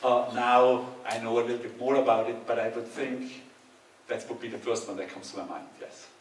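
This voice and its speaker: A man's voice: medium pitch, moderate pace, a little hiss or hum. Guy, 50s, easygoing talk to a crowd, echoey hall, a bit far from the mic. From Austria. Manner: relaxed, conversational, jokes with the audience. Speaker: speaker giving a talk and Q&A. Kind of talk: lecture with audience questions. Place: large bright hall with hard walls, indoors. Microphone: headset mic.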